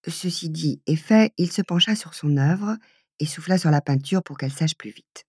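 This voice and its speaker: A woman narrating a literary audiobook in a measured, clear storytelling manner. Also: low-pitched, a little mellow, dry recording, clean studio sound. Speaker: audiobook reader.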